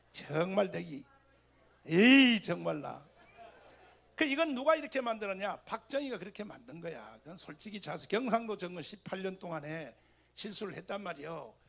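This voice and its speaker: A man with a very high, strained pitch and a gravelly, fry-laden edge gives a fiery political rally speech. He fires rhetorical questions at the crowd and breaks into sudden loud bursts. Religious exclamations run through his talk. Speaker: speaker addressing a political rally.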